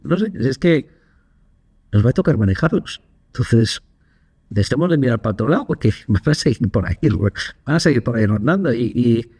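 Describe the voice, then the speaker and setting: A man's voice: mid-range voice, normal speed, breathy edge. A man co-hosting a casual podcast, telling anecdotes and acting out quotes with energy. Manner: animated storyteller, acts out quotes. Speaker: podcast co-host.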